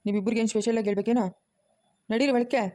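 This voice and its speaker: In a village family web drama, an actor plays a domineering, insulting rural man who scornfully barks at his relatives to get out. His voice is very high and mellow, with a level tone, and he races through his lines.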